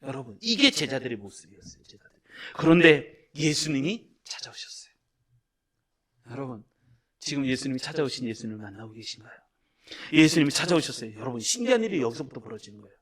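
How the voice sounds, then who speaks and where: A male pastor preaching a sermon in a church, moving between soft, hushed asides and loud, drawn-out reading of scripture as he leads the congregation. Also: medium pitch, big pitch swings, husky. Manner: addresses the congregation directly, leads group reading. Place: church sanctuary.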